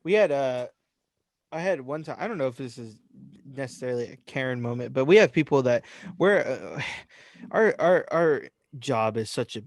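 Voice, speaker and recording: A young man, telling an animated story about a rude customer in a casual podcast chat. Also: medium pitch, moderate pace, no echo, clean studio sound. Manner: animated storytelling, voice rising when venting. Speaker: podcast co-host.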